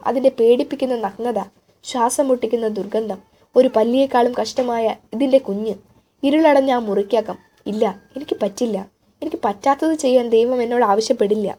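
A woman reads a literary novel aloud in a slightly high, mellow voice. Her delivery is measured and expressive, pacing the story with care. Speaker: audiobook narrator.

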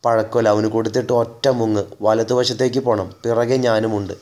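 A man's voice: lowish voice, steady tone, normal speed, a little mellow, close to an everyday voice. A man voicing a scheming male elephant thief who talks in a coaxing, conspiratorial way. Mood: sly.

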